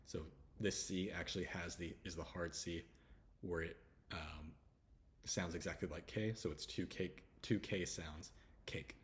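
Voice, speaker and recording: A man from the United States giving a relaxed English pronunciation lesson, repeating each sound slowly with chatty asides. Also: low-pitched. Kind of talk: slide-based pronunciation lesson.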